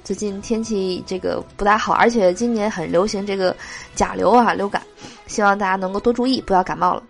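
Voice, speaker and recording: A woman's voice: medium pitch, fairly even intonation, brisk, creaky, faint music behind. A woman hosting a joke show, reading jokes aloud with a nasal voice from a cold and laughing at her own punchlines.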